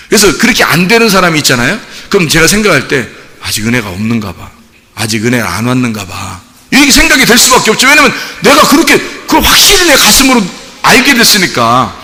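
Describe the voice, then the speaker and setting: A man preaching a Sunday sermon as pastor, animated, moving between loud emphatic bursts and soft chuckling asides. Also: high voice. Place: church sanctuary. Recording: church hall reverb.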